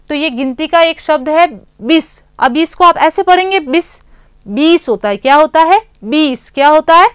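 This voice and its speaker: High-voiced woman teaching small children. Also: fairly bright tone, no room sound, clean studio sound. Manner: asks questions and answers them herself, drawing out words slowly. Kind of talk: class lesson for young children.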